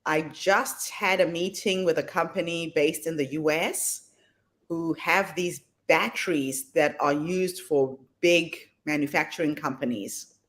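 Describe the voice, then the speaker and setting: A woman's voice: low-pitched, measured pace, a bit bright. Woman hosting an online summit. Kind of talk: casual chat on a video call.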